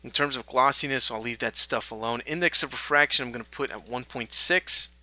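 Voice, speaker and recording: Bright-voiced man explaining software steps. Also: medium pitch, fairly quick, dry recording. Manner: relaxed step-by-step explaining with fillers. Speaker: software tutorial instructor. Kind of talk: screen-recorded software tutorial.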